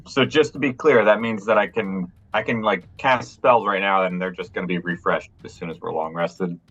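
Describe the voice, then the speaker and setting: A man playing a tabletop game, talking casually and haltingly as he thinks aloud. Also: sits low, a bit bright, breathy edge, highs cut off. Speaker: player.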